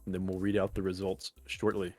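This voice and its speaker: A man's voice: low-pitched, completely flat delivery, brisk, darkish tone, soft background music. A man co-casting an amateur game tournament, running a chat poll with dry jokes and calling the play. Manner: dry joking, play-by-play calls. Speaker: co-caster. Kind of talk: casual esports commentary.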